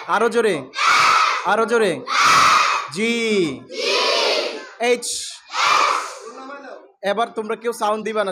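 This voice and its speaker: Loud male teacher drilling a noisy class. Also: high voice. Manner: loud, coaxing, repeats letters for the class to echo. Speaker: English pronunciation teacher. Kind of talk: classroom phonics drill with call and response. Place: school classroom full of children. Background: crowd of children chanting loudly.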